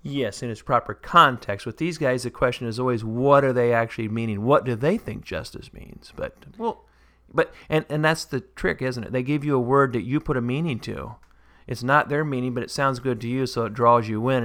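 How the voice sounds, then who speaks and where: A man's voice: medium pitch, brisk, fairly bright tone. A man co-hosting a casual podcast discussion, explaining his views and dropping dry, joking asides. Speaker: podcast co-host.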